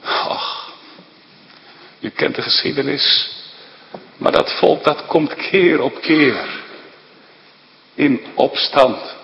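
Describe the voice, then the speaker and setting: A man preaching a sermon, emphatic and deliberate, asking his listeners rhetorical questions. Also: medium pitch, creaky, highs cut off, a little hiss or hum. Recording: long hall reverb.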